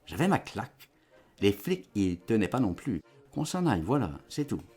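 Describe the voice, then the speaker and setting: A man giving a lively, theatrical dramatized reading of a literary text as an audiobook. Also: fairly low pitch, normal speed, breathy edge. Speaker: audiobook reader.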